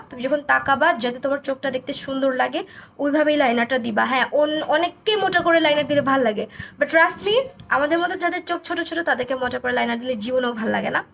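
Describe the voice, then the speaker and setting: A young woman from Bangladesh hosts a live makeup stream in a high, hoarse, gravelly voice. She talks casually and reads viewer comments aloud. A faint hiss sits behind her. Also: quick pace, a bit bright. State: hoarse, voice broken.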